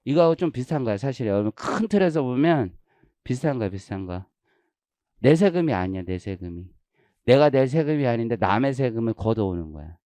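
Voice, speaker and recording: Man in his forties lecturing on tax law, lively swinging pitch, mellow dry voice, blunt and casual. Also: a little fast, dry recording. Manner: blunt and animated, slips into casual speech and swearing. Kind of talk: exam-prep lecture.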